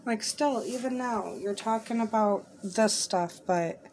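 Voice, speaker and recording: A woman hosting a spirit box session, talking in a rambling, halting, exasperated way as she addresses spirits. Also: on the high side, darkish tone, a little hiss or hum.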